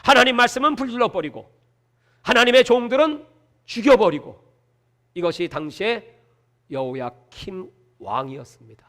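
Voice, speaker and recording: High, bright-voiced man preaching. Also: normal speed, pauses often. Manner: animated, dramatic storytelling. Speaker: pastor. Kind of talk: sermon.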